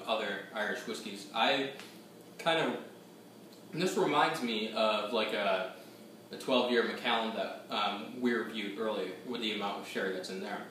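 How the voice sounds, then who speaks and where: A young man in his twenties sits at a table in a small room at home, giving the camera a casual whiskey tasting review full of rambling, hesitation and fillers. His voice is on the low side, bright and forceful. The room is echoey, his voice sounds a bit distant, and there's a little hiss or hum.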